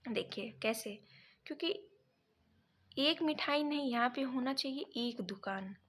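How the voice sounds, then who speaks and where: A woman teaching an exam prep lesson, reading each option and then correcting it step by step, sometimes pausing to check her notes. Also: high-pitched, fairly bright tone, breathy edge. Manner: pauses to check notes mid-sentence.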